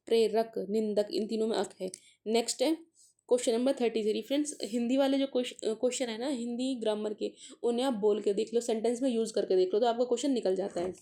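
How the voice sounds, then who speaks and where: A woman teaching a casual grammar lesson for exam preparation, working through paper questions and sounding out letters and words slowly to explain them. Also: fairly high pitch, mellow. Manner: mixes English words into explanations.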